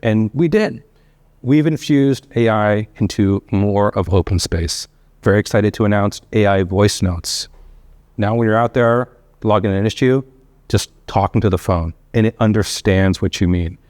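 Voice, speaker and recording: A man's voice: fairly low pitch, moderate pace, darkish tone, dry recording. A man giving a keynote product presentation with polished corporate enthusiasm, conversational, in short punchy phrases with rhetorical questions. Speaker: company chief executive giving a keynote.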